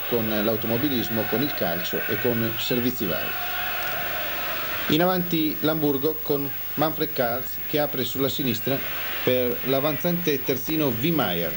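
A man giving measured live football commentary as the television play-by-play announcer. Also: medium pitch. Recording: noisy old TV broadcast audio.

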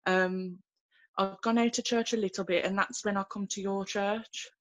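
Over a laptop webcam on a video call, a woman with a mid-range voice shares her personal faith testimony from a small room at home. She is earnest but halting, restarting often, and her tone stays flat and even. The sound is dry and close, with no room echo.

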